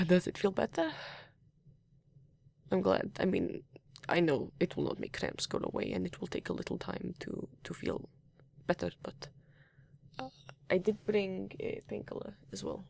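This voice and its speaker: A man voicing a reserved, formal and caring partner in a comfort roleplay, speaking softly with hesitant restarts and few contractions, at times in a whisper. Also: high voice, wildly swooping pitch, a little slow, vocal fry, long pauses, full character voice. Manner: soft-spoken, at times whispering. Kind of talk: comfort roleplay addressed to the listener.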